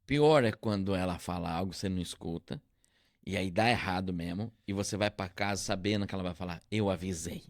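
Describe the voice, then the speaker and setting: A man's voice: low voice, fast, no echo, studio quality. A man, a pastor hosting a podcast, telling stories in a casual chat and laughing often. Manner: animated storyteller, laughs often.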